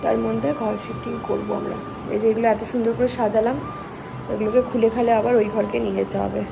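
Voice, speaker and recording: A woman vlogger with a hoarse voice, chatting casually to her viewers as she cooks in her home kitchen. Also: fairly high pitch, level tone, fast, noisy background. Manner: chatty, talks straight to viewers. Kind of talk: casual vlog narration while cooking.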